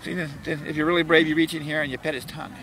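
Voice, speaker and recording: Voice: mid-range voice, steady tone, rapid-fire. A parrot owner talking playfully to a pet and casually instructing visitors, coaxing with short repeated commands. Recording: clearly noisy amateur recording.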